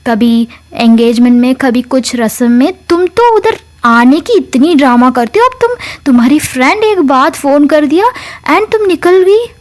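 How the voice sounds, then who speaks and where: A woman's voice: high voice, dry recording. A woman voicing a teasing, dramatic mother in a spoken storybook, with exclamations and jibes.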